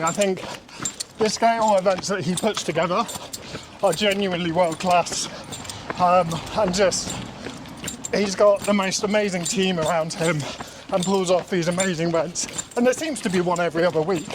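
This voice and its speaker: A man giving casual interview answers while running outdoors. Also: high-pitched. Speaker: interview guest. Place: outdoors in an urban area, on the move. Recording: clearly noisy outdoor urban recording.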